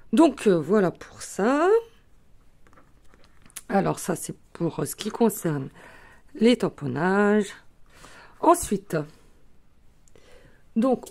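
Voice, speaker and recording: A woman hosts a craft tutorial in a mellow, mid-range voice. She chats casually while showing and handling her materials, frequently filling pauses with small words like "euh" and "voilà."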